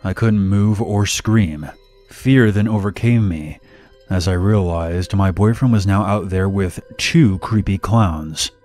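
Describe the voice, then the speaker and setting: A man narrating a horror story in steady first person, scripted. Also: low-pitched, takes it slowly. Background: faint music.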